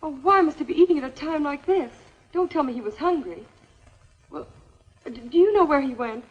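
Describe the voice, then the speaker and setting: A woman's voice: sits high, animated, a little fast, phone-quality sound. An actress playing a flustered young society woman in 1930s screwball comedy banter, fluttery and hesitant, on an old film soundtrack. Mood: flustered, insistent.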